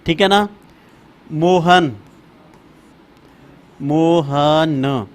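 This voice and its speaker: A male Sanskrit teacher lectures at a deliberate, drawn-out pace, repeating key terms over and over. His voice sits high for a man. He talks to his students as if they were right in front of him. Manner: repeats terms slowly, addresses students as brother. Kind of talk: classroom lecture.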